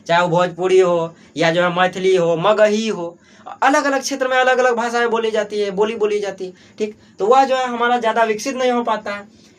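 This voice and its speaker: High-voiced Bihari Hindi teacher. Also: male voice, steady tone, brisk. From Bihar, Mithila region. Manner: asks and answers his own questions, heavy filler "jo hai". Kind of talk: exam-prep grammar class.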